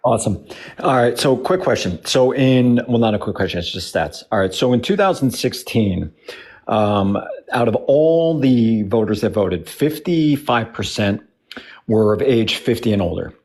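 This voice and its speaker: A man's voice: mid-range voice, animated, moderate pace, a little mellow. A man in his forties arguing his point in a heated political discussion, blunt and emphatic, repeating himself and swearing. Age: 40s. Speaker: debate participant.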